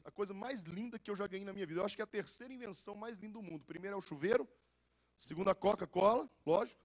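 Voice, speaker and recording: A young adult man, a pastor with a Goiás accent, preaching a lively sermon full of jokes, stories and casual slang. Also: high-pitched. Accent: Goiás Brazilian Portuguese. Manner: animated and joking, with casual slang.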